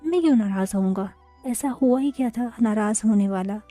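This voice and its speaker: Storybook lead, read by a woman: cheeky young man, huffy and playful, a bit high, warm voice. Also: brisk, faint music behind, lightly acted. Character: lively teasing young man, quick to sulk.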